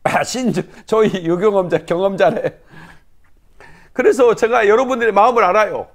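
A man's voice: high voice, normal speed. A middle-aged man, a pastor, praying fervently with declarations and then telling a personal story in a chatty sermon style.

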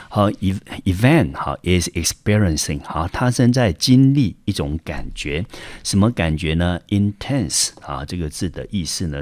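Low-voiced man teaching English vocabulary. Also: a little mellow, dry recording. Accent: Taiwanese Mandarin. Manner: patient, repeats words and fills with "好" and "呢". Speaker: high school English teacher. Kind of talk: vocabulary lesson explaining word by word.

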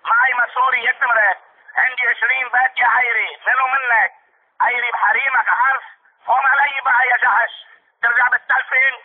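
A man doing a shrill, foul-mouthed Lebanese hothead on the phone. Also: fairly even intonation, fairly quick. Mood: raging. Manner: repetitive, insistent, hurling insults. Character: hot-tempered foul-mouthed man who denies owing money. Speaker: prank caller. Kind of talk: prank phone call. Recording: tinny phone line.

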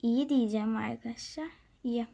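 Young female gaming host, high, bright voice, chatty and playful, swings between quiet whispers and loud excitement, faint hiss behind her. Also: fast, vocal fry. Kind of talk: chatty gameplay commentary.

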